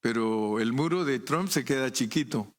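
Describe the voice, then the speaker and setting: A man's voice: medium pitch, moderate pace. A man with a Guatemalan accent preaching a sermon in a conversational way, often asking the congregation rhetorical questions. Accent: Guatemalan Spanish.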